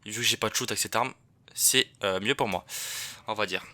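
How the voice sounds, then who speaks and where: A man's voice: fairly low pitch, fairly quick, bright, forceful tone, a little hiss or hum. A man giving casual, rambling commentary over his own gameplay, with many fillers and restarts. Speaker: gaming YouTuber.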